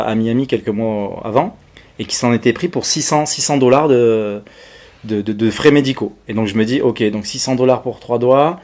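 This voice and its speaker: A man's voice: mid-range voice, a little mellow. A man recounting a personal ordeal in casual, colloquial speech, with frequent hesitations and stammered repeats. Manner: colloquial, peppers phrases with "et tout". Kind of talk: casual spoken testimony.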